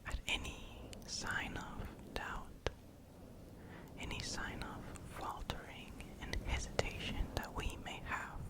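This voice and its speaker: A person giving a fully whispered, breathy ASMR pep talk of soothing affirmations for sleep, in short phrases with pauses, close to the microphone. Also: rough recording. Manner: slow, pausing between short phrases. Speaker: ASMR host. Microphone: close fluffy-covered microphone.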